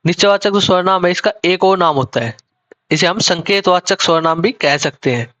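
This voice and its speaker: A man teaching a grammar lesson, explaining slowly and repeating himself, often restarting his phrases. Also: high-pitched, a bit bright. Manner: slow, repetitive explaining with self-corrections. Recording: dull lo-fi recording.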